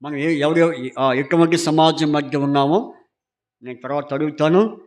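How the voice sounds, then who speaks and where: A male pastor delivers a Sunday sermon, his voice sitting a little higher than most men's. He reads scripture slowly and with weight, then turns to the congregation with question after question, insisting they answer aloud. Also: darkish tone.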